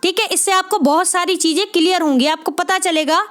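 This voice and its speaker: Woman tutor, very high pitch, encouraging exam-prep teacher, constantly checks for understanding. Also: fairly bright tone. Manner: encouraging, repeats "ठीक है?" after nearly every phrase; spells out sounds slowly one by one. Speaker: Hindi literature exam tutor. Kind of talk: spoken exam-prep lesson.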